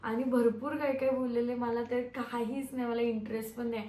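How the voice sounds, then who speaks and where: Woman, hoarse, defiant vlogger, slightly high voice, echoey room. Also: level tone, normal speed, dark tone. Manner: defiant, scornful. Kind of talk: heated family-feud video rant. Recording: echoey room with faint noise.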